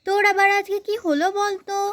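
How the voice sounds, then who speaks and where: A woman's voice: very high voice, fairly even intonation, quick pace, a bit bright. Woman doing a fussing young village mother. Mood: coaxing. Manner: coaxing, chatty, calls out repeatedly.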